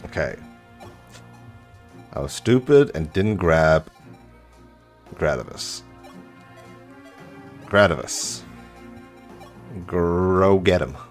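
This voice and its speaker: A man's voice: low voice, lively intonation, slow pace, long pauses. A man doing live video game commentary, casually thinking aloud as he plays. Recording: game music behind the voice. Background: video game music.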